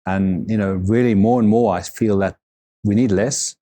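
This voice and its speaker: A middle-aged South African man, an overland vehicle consultant, appears as a guest in a reflective interview about his life and travels. His voice is lowish, steady and mellow with no echo. He speaks thoughtfully and without hurry, repeating words as he collects his thoughts.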